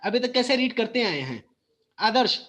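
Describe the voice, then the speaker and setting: Indian English teacher explaining patiently. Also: male voice, very high-pitched, sing-song, fairly bright tone. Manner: switches between Hindi and English, slow and deliberate explanations. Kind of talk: bilingual classroom teaching. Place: school classroom.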